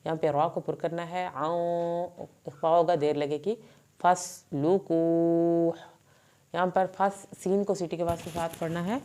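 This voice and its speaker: Woman, low voice, smooth and resonant, tajweed lesson, slow recitation then quick explanation. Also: fairly even intonation, dark tone. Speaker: Quran tajweed teacher.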